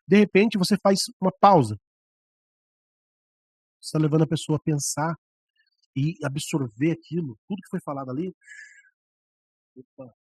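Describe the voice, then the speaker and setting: A man's voice: on the high side, a little mellow, slightly rough, no room sound. A man with a Brazilian Portuguese accent teaching preaching skills to church leaders. He talks in a conversational way and often shows the points with his own voice and the microphone on a stand. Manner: conversational, often demonstrating with voice and mic. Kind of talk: classroom lecture on preaching. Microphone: microphone on a stand, about ten centimeters away.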